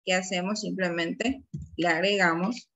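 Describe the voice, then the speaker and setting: A woman with an Ecuadorian Spanish accent teaching an English grammar class, speaking slowly and patiently and stretching out her example sentences. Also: on the low side, fairly even intonation, fairly bright tone, dull audio.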